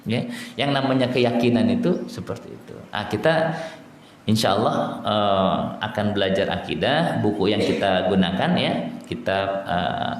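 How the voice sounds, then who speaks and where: A man's voice: lowish voice, expressive, moderate pace, a little hiss or hum. A middle-aged man with an Indonesian accent giving a casual religious study talk, telling stories and acting out the dialogue. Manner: storytelling, acts out dialogue, chuckles at own jokes. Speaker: Islamic teacher. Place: prayer room. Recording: echoey hall with faint ambience.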